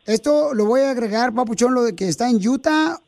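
A man's voice: very high voice, a little fast, darkish tone. A man hosting a radio show, talking in a playful, jokey, teasing way from a studio microphone. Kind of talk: playful radio prank banter.

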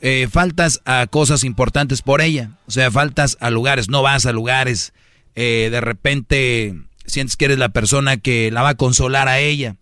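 A man's voice: medium pitch, steady tone, measured pace, bright, forceful tone, clear, resonant tone, no room sound, clean studio sound. A man hosting a comedy radio show, teasing and mock-scolding his listeners in slangy casual talk. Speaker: radio host.

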